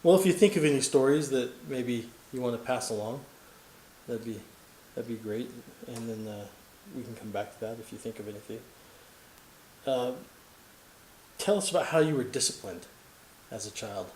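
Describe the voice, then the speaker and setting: A chatty man asks loose, rambling questions in a casual interview. He speaks at a mid pitch and slips in small jokes. His voice sounds roomy, as if recorded in an echoey room. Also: moderate pace, darkish tone, slight background noise. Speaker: host, grandson interviewer.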